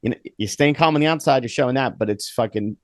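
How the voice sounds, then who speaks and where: A man's voice: medium pitch, quick pace, no room sound, clean studio sound. A man co-hosting a casual podcast, who talks in loose rambling sentences full of fillers. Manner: rambling, lots of fillers like "you know" and "kinda". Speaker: podcast co-host. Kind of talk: casual chat.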